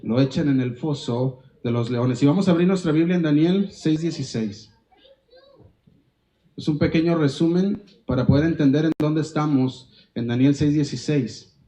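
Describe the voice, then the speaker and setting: Male pastor, sermon reading with call-and-response questions; raised pitch, warm mellow tone. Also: poor audio. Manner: reads scripture aloud, pausing to quiz the congregation.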